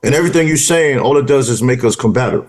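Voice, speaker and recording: A man's voice: mid-range voice, lively intonation, fast talker, a little mellow. A man co-hosting a podcast, speaking in an emphatic, earnest way in casual discussion. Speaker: podcast co-host.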